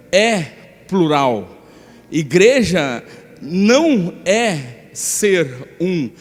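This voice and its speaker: Brazilian pastor preaching in a reverberant church. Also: male voice, high-pitched. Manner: coaxes the congregation to repeat phrases after him; reads scripture aloud with emphatic stresses. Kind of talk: sermon. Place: church hall. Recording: long hall reverb with faint music.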